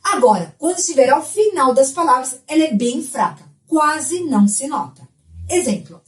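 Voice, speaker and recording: A woman who is a Spanish teacher, explaining a language lesson in a clear, explanatory way. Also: sits high, expressive, normal speed, echoey room.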